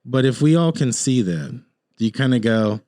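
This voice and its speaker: A man's voice: medium pitch, animated, moderate pace, dark tone, dry recording, clean studio sound. Opinionated man hosting a casual podcast. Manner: opinionated, rambling, joking. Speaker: podcast host. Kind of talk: casual sports chat.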